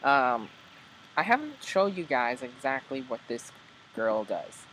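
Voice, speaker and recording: A man hosting a video, casually commenting with many hesitant ums as he tries out story software. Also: medium pitch, sing-song, slow pace, slight background noise, low-quality recording.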